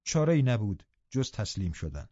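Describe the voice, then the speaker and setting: A man narrating an audiobook in a steady storytelling manner. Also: fairly low pitch, no room sound. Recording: dull, dry studio recording.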